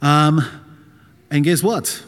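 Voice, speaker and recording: In a large reverberant hall with a gathering present, a middle-aged man originally from Taiwan, who moved to Australia as a child and doesn't speak English as his first language, preaches an informal personal sermon as a guest. He speaks slowly and hesitantly in a voice on the high side.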